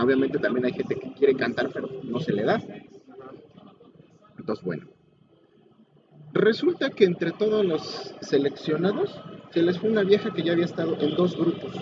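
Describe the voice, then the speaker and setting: Mexican guy ranting super casual, lots of slang and swearing, kinda high voice, noisy muffled audio. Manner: slangy, foul-mouthed. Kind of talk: casual opinionated rant. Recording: muffled lo-fi audio, clear vehicle noise.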